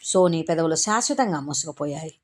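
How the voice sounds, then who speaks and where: Woman reading a story, slightly low voice. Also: lively intonation. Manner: measured, literary reading. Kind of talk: storybook narration.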